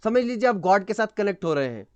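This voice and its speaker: A man's voice: high voice, very animated, fast talker, clear, resonant tone, no room sound, dull audio. A man teaching an astrology class over a video call, explaining patiently, mixing in English terms and checking that students follow. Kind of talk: online class lecture.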